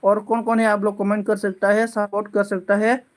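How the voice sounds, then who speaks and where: A man with a Bodo accent and Bodo as his first language hosts a casual livestream, reading out viewer comments slowly and haltingly, with many fillers and repeated thanks. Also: high-pitched, flat delivery. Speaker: livestream host.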